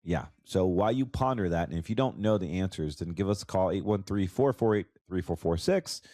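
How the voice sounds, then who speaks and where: Speaking fairly quickly with lively intonation, a low, warm-voiced American financial advisor runs a conversational solo podcast while congested from allergies. His stuffy voice repeats words for emphasis, captured in clean studio sound without echo.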